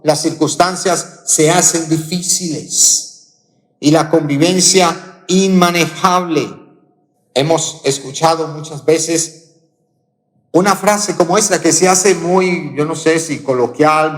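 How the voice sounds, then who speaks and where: A Colombian man preaching a sermon, leaning on slow, emphatic repetitions. His voice sits somewhat high for a man and rings out with the long reverb of a church hall. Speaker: pastor. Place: church auditorium.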